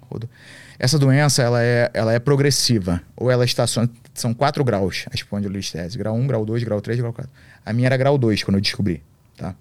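Brief: man, podcast guest, animated storyteller, dry close sound. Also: medium pitch, brisk, no echo. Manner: slangy, animated storytelling full of swearing. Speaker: podcast guest, MMA coach. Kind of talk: casual storytelling.

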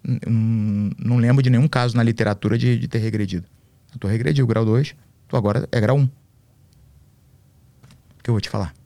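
A man's voice: medium pitch, brisk, long pauses, dry recording. Slangy man telling a story. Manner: slangy, animated storytelling full of swearing. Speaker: podcast guest, MMA coach. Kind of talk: casual storytelling.

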